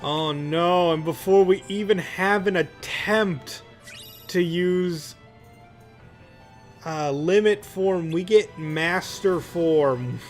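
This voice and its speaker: A man's voice: sits high, takes it slowly, faint music behind. A young man giving casual, rambling let's play commentary in a jokey, mock-exasperated manner.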